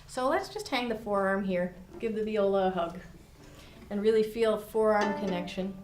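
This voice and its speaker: A woman teaches viola technique to students in a studio, giving an instructional lesson with demonstration, vivid images, and an encouraging tone. Her mid-range voice is darkish and moves at normal speed, in an echoey room with a little hiss or hum.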